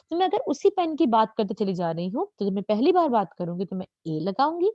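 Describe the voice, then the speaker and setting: A patient woman teaching a grammar lesson, her fairly high voice rising and falling a lot as she keeps checking whether the class follows. The sound is dry and a little dull. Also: darkish tone, no room sound. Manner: patient, checks understanding with repeated questions; addresses students as children. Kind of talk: grammar lesson explained in Hindi.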